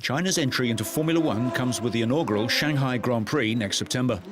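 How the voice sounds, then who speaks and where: A man reading scripted motorsport news narration in a measured, even delivery. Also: medium pitch, very noisy. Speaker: news presenter.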